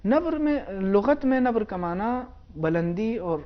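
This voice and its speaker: A man teaching Quran recitation rules, explaining in a measured way and slowing down to demonstrate pronunciation. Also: high-pitched, expressive, lo-fi sound.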